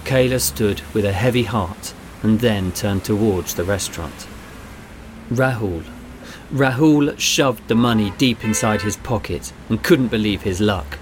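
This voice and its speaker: A man reading a children's adventure story aloud in a measured storytelling delivery. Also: fairly low pitch, faint music behind. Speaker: narrator. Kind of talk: scripted narration.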